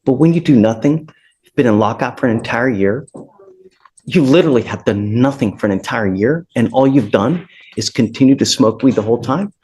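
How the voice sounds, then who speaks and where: A man's voice: medium pitch, lively intonation, a little fast, darkish tone, poor audio. A male judge giving a blunt ultimatum from the bench in informal, plain-spoken courtroom talk.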